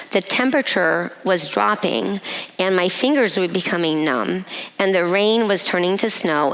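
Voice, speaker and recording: A woman giving a personal testimony at a women's breakfast, telling a story in a measured way and laughing often. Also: on the low side, fairly bright tone, poor audio. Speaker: guest speaker. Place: event hall.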